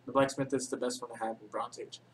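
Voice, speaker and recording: In an offhand, unscripted way, a game tutorial host talks quickly and flatly through a screen-recorded tutorial, his pitch mid-range. He strays between points, corrects himself, plugs gaps with ums and calls his voice boring, while a faint hiss lies beneath his desktop mic.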